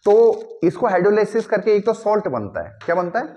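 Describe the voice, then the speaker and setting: A man gives a classroom chemistry lecture in a fairly high voice. He keeps checking whether the students are following, and he slips English phrases into his explanations. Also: very animated, fast, darkish tone. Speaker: chemistry teacher.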